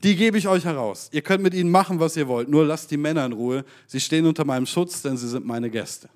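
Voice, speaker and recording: A man's voice: a little high, brisk, close to an everyday voice. A man voicing an anxious grown man who pleads earnestly, read aloud in a sermon. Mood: pleading.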